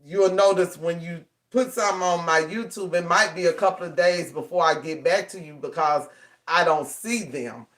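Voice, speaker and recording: A man's voice: a little high, normal speed, fairly bright tone. A man with a Southern US country accent and a rural drawl, hosting a casual live craft tutorial and repeating key instructions emphatically. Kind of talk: casual livestream craft demonstration.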